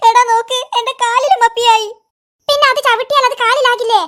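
A woman voicing excitable, bickering cartoon children. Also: very high-pitched, brisk. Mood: excited. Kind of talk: cartoon voice acting.

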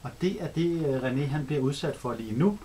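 A man hosting a live radio feature, asking lively, leading questions in a radio studio. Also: fairly high pitch, slight background noise. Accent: Danish. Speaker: radio host. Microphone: handheld radio microphone.

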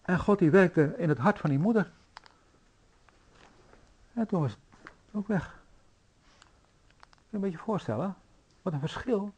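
A man preaching a sermon in a church, telling stories in a lively, anecdotal way with frequent fillers. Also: high voice, unhurried, long pauses, husky. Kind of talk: sermon storytelling.

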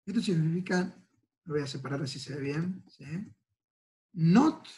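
A male university lecturer with an Argentine Spanish accent walks through a recorded lesson one step at a time. His voice sits a little high for a man, and he keeps checking in with his listeners after almost every phrase. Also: normal speed, warm tone. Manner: explains step by step, checks in with frequent "¿sí?" and "¿no es cierto?".

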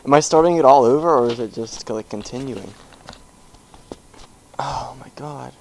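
Young man, horror game commentary, jumpy, profane, mid pitch. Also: fast, a little mellow, slight background noise, rough recording. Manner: jumpy, swearing, panicked reactions. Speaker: gamer. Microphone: headphones with desk mic.

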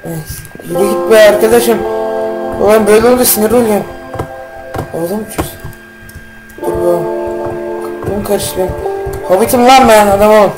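A man giving casual, rambling let's-play commentary as a gaming YouTuber, slangy and quick to get irritated, with faint game music behind him. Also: high-pitched, poor audio.

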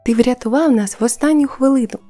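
A woman's voice: sits high, quick pace, warm tone, dry recording, faint music behind, voice pushed up. Woman doing an eager little Moomintroll. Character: eager, friendly young male troll.

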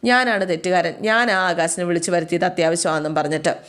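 A woman voicing an older father who calmly admits he was wrong. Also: on the low side, quick pace, lightly acted. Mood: remorseful. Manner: calm, admitting fault. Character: remorseful older father of the daughter.

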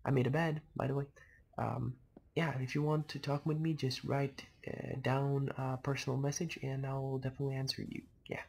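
Hushed, creaky young man gaming quietly. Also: mid-range voice, flat delivery. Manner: speaking quietly at night, hushed so as not to wake others; halting, rambling. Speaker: gaming video host. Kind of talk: casual game commentary. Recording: noisy home microphone recording.

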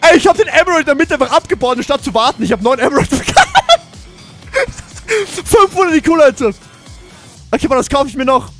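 A young man hosting a multiplayer game session, talking excitedly, laughing and shouting as he plays. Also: very high-pitched, brisk, soft background music. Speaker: gaming host. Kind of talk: excited multiplayer gameplay chat.

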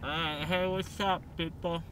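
A man's voice: a little high, steady tone, unhurried, fairly bright tone. A young man chatting casually to camera, groggy and numb-mouthed after dental anesthesia. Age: young adult. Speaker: vlogger. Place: car and home kitchen. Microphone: handheld camera or phone at arm's length. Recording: noisy handheld vlog audio.

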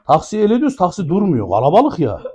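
A man's voice: sits high, huge pitch swings, quick pace, a little mellow, breathy edge. A man with an Ankara accent telling a funny anecdote, animatedly acting out the dialogue. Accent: Ankara Turkish. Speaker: storyteller guest.

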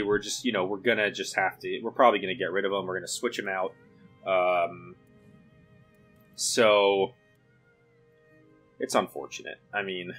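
Guy with a lowish voice chatting through a strategy game, lots of um and uh, quiet music under it. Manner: thinking aloud, chatty with frequent fillers. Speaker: game commentator. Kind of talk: casual let's play commentary.

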